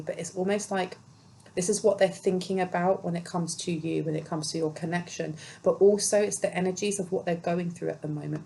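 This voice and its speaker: A woman's voice: fairly low pitch, mellow, slight background noise, low-quality recording. A woman giving a casual, chatty tarot reading, reading card meanings aloud and musing on them. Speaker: tarot reader.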